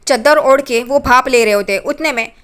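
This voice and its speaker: High-voiced woman recapping a serial. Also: brisk, a bit bright, clean tone. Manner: plain, running narration with asides. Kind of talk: casual storytelling recap.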